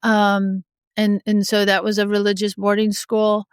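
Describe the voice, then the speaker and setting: A podcast guest who is a judge, middle-aged and raised in Australia, tells her recovery story candidly, frequently laughing softly and full of fillers and restarts. She's recovering from a cold and a little sniffly. Her mid-range voice is completely flat in delivery, a little slow, clear and resonant, recorded dry at studio quality.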